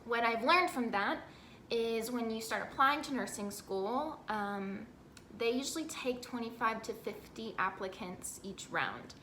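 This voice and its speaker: A woman's voice: on the high side, pushed and bright, roomy sound, a little hiss or hum. A woman in her twenties from Texas, talking candidly and earnestly in a personal vlog, with lots of "like" fillers. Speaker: vlogger.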